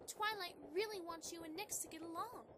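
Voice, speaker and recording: Very high-voiced, sweet pony princess played by a woman. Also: fairly quick. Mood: earnest, reassuring. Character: young married pony princess, affectionate, playful, reassuring. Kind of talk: amateur audio drama acting. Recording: clearly noisy amateur microphone recording.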